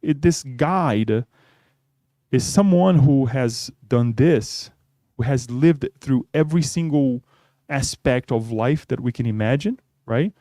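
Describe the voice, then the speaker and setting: A man's voice: medium pitch, slow, warm tone, no room sound, studio quality. Man giving a spiritist talk. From Brazil. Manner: conversational, often adds "right?". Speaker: spiritist speaker. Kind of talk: religious talk.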